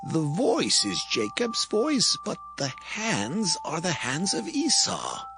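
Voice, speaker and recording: A slow, aged biblical patriarch. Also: male voice, a little high, wildly swooping pitch, over music, full character voice. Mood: searching, tender. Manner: slow, solemn, drawn-out delivery of archaic scripture dialogue. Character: frail, aged, blind patriarch father, solemn and tender. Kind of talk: dramatized Bible audio drama.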